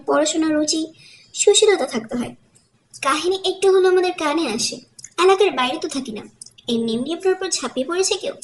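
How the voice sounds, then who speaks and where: A woman voicing a spiteful young sister-in-law who speaks harshly and mockingly, in an audiobook. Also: extremely high pitch.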